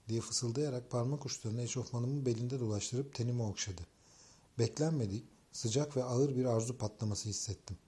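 Mellow male audiobook narrator. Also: medium pitch. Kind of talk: scripted first-person narration.

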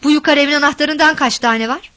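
A woman voicing a rough, quick-tempered village husband who curses and defends himself, read aloud from a storybook. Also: sits high, pushed and bright, dry recording. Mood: angry. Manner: gruff, cursing, defensive. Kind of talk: storybook reading.

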